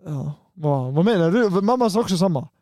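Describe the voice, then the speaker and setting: A man's voice: high-pitched, lively intonation, dark tone, dry recording, studio quality. A young man co-hosting a podcast in casual chat, teasing his sister with short replies. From Tunisia. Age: young adult. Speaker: podcast co-host.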